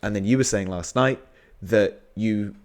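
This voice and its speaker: A British man with a somewhat low voice, talking films in a relaxed back-and-forth. He sounds enthusiastic and keeps nodding along out loud with quick agreements. His delivery is loose and conversational. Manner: enthusiastic, frequent agreeing backchannel. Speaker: film review podcast co-host. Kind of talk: casual chat.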